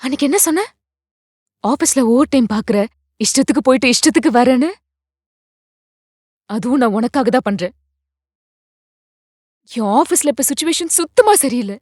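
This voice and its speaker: A woman playing an emotional young wife, high voice. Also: lively intonation, moderate pace, pauses often, a little mellow, no echo, clean studio sound. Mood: pleading. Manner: emotional, pleading. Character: young wife pleading with her husband. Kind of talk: short film acting.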